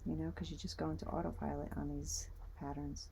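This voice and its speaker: A woman's voice: low-pitched, flat delivery, fairly quick, creaky, mellow, a little hiss or hum. A woman vlogger chatting casually as she knits, muttering little asides to herself while she works. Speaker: knitting vlogger. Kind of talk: casual chat while knitting.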